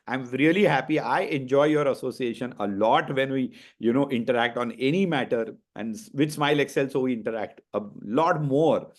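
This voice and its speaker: Indian accent guy hosting a motivational coaching chat, emphatic, repeats his points, keeps checking in with listeners. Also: a little high.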